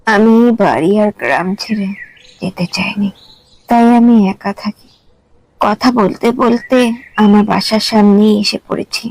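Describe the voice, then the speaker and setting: A woman voicing a kindly old village grandmother in a cartoon, speaking gently and softly. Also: mid-range voice, unhurried, natural voice, rough recording. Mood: gentle.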